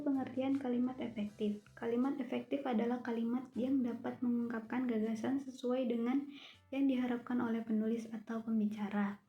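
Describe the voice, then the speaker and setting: A young woman from Indonesia, a university student, reads her class presentation aloud, numbering each point in steady lists. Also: on the high side. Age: young adult.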